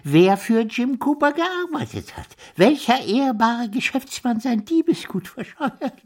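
An excitable, doting admirer of a young gangster in a radio crime comedy. She speaks slowly and knowingly in a high voice that swoops theatrically with pride. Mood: proud, explaining. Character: doting, excitable woman, proud of her gangster boy.

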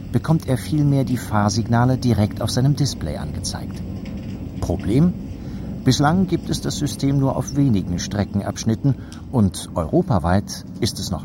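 A man's voice: mid-range voice, background noise. A man reading scripted documentary narration as a radio feature reporter.

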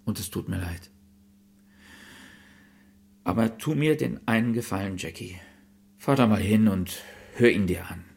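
A man's voice: lowish voice, unhurried, creaky, long pauses, darkish tone, breathy edge, full character voice. An actor playing an earnest insurance salesman who pleads and persuades in a film drama. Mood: apologetic.

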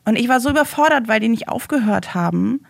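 A young woman speaking as a guest, telling a personal story in a halting way and searching for words. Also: a little high, animated, vocal fry, dry recording, studio quality.

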